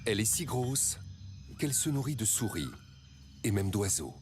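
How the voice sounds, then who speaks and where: A man reading scripted nature documentary narration in a measured, dramatic storytelling way. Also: fairly low pitch, big pitch swings, over music.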